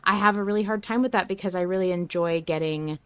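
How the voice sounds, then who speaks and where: Speaking quickly in a lowish, clean voice over a dry recording, a woman hosts a podcast about an audio drama. She talks casually and with emphasis, like a fan who holds strong opinions.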